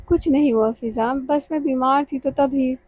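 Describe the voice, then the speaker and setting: A woman reading the lines of a young daughter who answers in quiet, subdued replies, full of guilt. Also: high-pitched, breathy edge.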